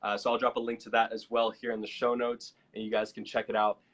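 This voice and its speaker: A man's voice: fairly low pitch, completely flat delivery, fast talker, a bit bright. An American man hosting a live online show, making upbeat promotional plugs with frequent fillers. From United States. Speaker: host.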